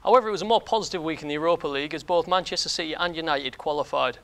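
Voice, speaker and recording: A male sports presenter reads scripted news at a quick clip. His voice is a touch high, and he slips over a word now and then. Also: a bit bright, clean tone. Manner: brisk read, occasional slips.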